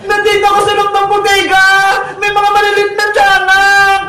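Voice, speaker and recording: A woman voicing a frightened young girl in a cartoon, shouting for help. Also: extremely high pitch, monotone, normal speed, heavy reverb, distant mic, faint music behind. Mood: panicked. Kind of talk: cartoon voice acting.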